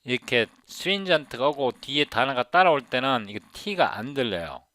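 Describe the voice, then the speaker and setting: A man in his fifties explaining English pronunciation in a casual tutorial, repeating words slowly to show how they sound. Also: medium pitch, big pitch swings, bright, forceful tone, no echo. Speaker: software developer teaching English pronunciation. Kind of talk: casual screen-recorded tutorial.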